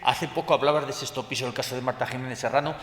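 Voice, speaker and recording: A man's voice: medium pitch, fairly even intonation, racing, a bit bright. A man moderating a panel discussion, hesitant and full of fillers and restarts, in a large hall. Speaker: moderator of a round table. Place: large hall at a book fair. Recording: roomy hall with long reverb.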